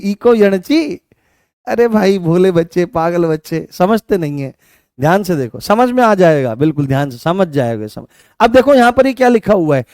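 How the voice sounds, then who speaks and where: A teacher with a Rajasthani Hindi accent walks students through grammar, repeating each point and throwing questions back at them. His voice sits high for a man. The recording is close and dry, with no room sound. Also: darkish tone, no room sound. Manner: repetitive, coaxing, asks students questions and calls them beta; answers viewer comments by name. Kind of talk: online exam-prep grammar lesson.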